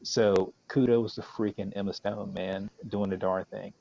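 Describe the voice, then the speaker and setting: Man guest, lower voice, upbeat emphatic chat, dry muffled sound. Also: level tone, unhurried, gravelly, warm tone, dry recording. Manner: enthusiastic, emphatic praise. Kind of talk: casual chat.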